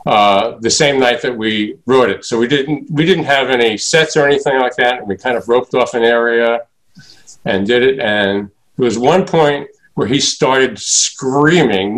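A man's voice: mid-range voice, a bit bright, poor audio. A man casually reminiscing in a chat, rambling with many filler sounds. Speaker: guest, former comedy writer and producer.

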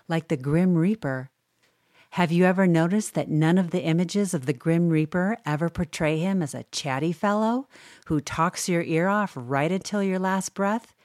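A woman reads a humorous newspaper column aloud with a wry, dryly humorous touch and an unhurried pace. Her voice sits a little low. The sound is close and dry, with no room echo. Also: a little mellow.

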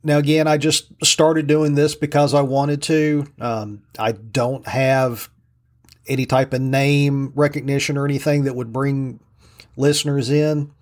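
A man speaks in a mid-pitched voice with an Appalachian hillbilly drawl. He talks casually as a solo podcast host, humble and self-deprecating in how he addresses listeners. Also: little pitch movement, unhurried, a little mellow. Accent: Southern US hillbilly drawl, Appalachian-like.

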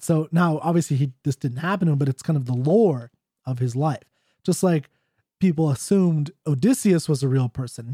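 A man's voice: fairly high pitch, mellow, no echo, studio quality. A man talking casually about an old ballad, then reading it aloud in a mock Scottish accent. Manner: chatty, full of "you know" and "right?". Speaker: ballad reader and explainer. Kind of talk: casual explanation and poetry reading.

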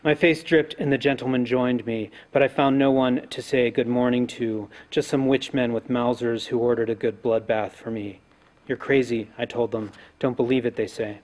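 A man's voice: medium pitch, fairly even intonation, moderate pace, darkish tone. Male poet at a live reading; grave, intense delivery with chanted repetitions. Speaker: poet reading a translated poem.

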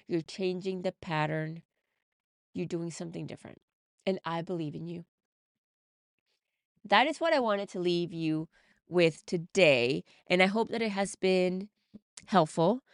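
A woman's voice: on the low side, measured pace, long pauses, no room sound, studio quality. Earnest woman giving a motivational talk. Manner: earnest, emphatic, encouraging. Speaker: podcast host and mindset coach. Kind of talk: motivational podcast monologue.

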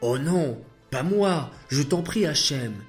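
A man voicing a gentle, timid male angel who pleads to be spared a task. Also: on the high side, animated, slow pace, soft background music. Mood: pleading.

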